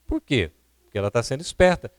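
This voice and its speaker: A Brazilian man lectures a seminar audience in a didactic way, often asking them questions. His voice sits at an ordinary middle pitch. The sound is dry and close. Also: sing-song, fast, dry recording. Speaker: seminar speaker. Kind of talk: lecture on public speaking. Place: seminar hall at a spiritist centre.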